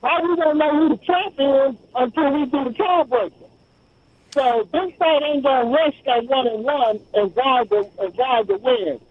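A man calling in to a radio show over a phone line, talking casually in a steady run of argument with fillers. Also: extremely high pitch, normal speed, no echo. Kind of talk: casual call-in chat.

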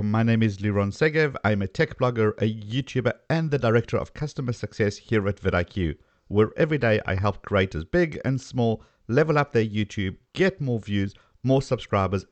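An enthusiastic man with a South African accent hosts an interview, his delivery upbeat and quick to laugh. The sound is close and dry, with no room echo around him. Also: fairly low pitch. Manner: energetic, enthusiastic, laughs often. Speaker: podcast host.

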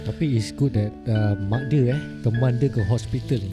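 A man's voice: mid-range voice, fairly quick. Malay-accented man, slangy mixed English, over music. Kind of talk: casual conversation.

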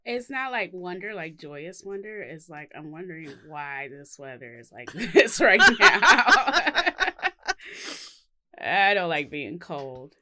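Slow and sing-song, this woman's low voice comes across pushed and bright. She co-hosts a casual podcast from home in Texas, laughing frequently as she rambles along.

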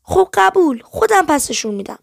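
A woman's voice: very high voice, big pitch swings, gravelly, no echo, clean studio sound, voice pushed up, full character voice. A woman reading the lines of a firm, stubborn young private detective who presses for answers. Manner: firm and insistent.

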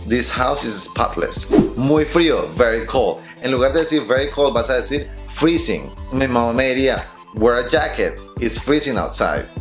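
A man's voice: on the low side, echoey room. Playful man teaching English. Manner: lively, playful, switches between Spanish and English examples. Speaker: English teacher, channel host. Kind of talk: casual YouTube English lesson.

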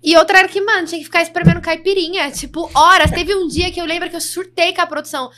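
Her voice is extremely high and her speech fast as this young reality show participant from inland São Paulo state tells frank, lively stories on a podcast, laughing readily throughout the casual chat.

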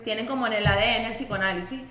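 A woman, co-hosting a casual chat and asking lively questions. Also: on the high side, rapid-fire, echoey room. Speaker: co-host.

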